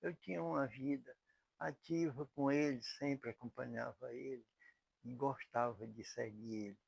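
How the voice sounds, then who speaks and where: A man in his eighties with a Northeastern Brazilian accent from Piauí, slowly telling his life as a cowboy, with restarts and rural turns of phrase. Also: medium pitch, steady tone, no echo, dull audio. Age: 80s. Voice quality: gravelly. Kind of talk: slow spoken self-portrait.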